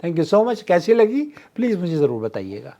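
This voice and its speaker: A man hosting his channel, explaining things in a casual talk and filling pauses with drawn-out "aa" sounds. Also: sits high, very animated, dark tone. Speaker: channel host.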